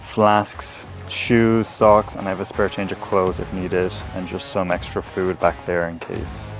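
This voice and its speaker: With music playing behind him, a male vlogger and trail ultra runner talks casually through his run, mostly outdoors, musing aloud in good spirits. His voice is low, his delivery flat and a little slow.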